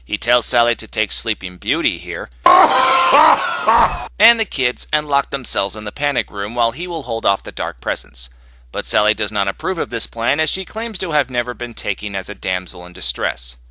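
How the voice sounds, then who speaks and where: Guy ranting over a comic review, snarky, pitch jumps all over, super dry mic. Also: very animated, brisk, sharp tone, no echo. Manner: snarky, exasperated, mocking.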